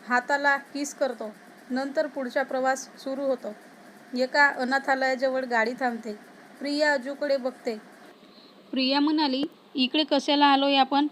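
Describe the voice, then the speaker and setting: A woman narrating a romance story in a calm, measured reading. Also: sits high, slight background noise.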